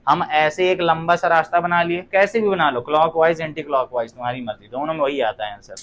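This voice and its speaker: A man's voice: fairly high pitch, a little fast, fairly bright tone. A young man teaching physics in a classroom, firing rhetorical questions at his students and throwing in joking asides. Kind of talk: classroom lecture.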